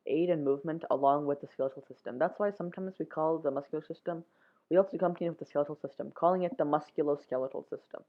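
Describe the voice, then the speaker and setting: A science show host giving a casual, informal explainer in plain steps. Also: medium pitch. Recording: muffled, phone-like narrow sound.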